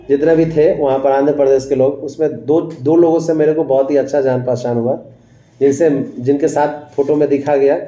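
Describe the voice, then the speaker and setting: A man's voice: fairly high pitch, mellow. Man teaching a class in an echoey room. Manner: mixes Hindi with English phrases, repeats phrases; tells anecdotes, addresses students directly. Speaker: English teacher. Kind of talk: classroom lecture.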